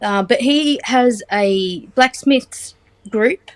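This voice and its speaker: An Australian woman in her forties talks as an interview guest. She is chatty and unhurried, with frequent ums and a light teasing humor. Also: on the high side. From Australia, Central West New South Wales. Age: 40s. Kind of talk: casual interview chat.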